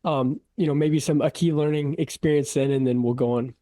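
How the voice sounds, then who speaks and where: A man's voice: fairly high pitch, fairly even intonation, fairly quick, dark tone, no echo. A man hosting a podcast, upbeat and casual, using loose fillers like "like". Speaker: podcast host. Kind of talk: podcast interview and ad read.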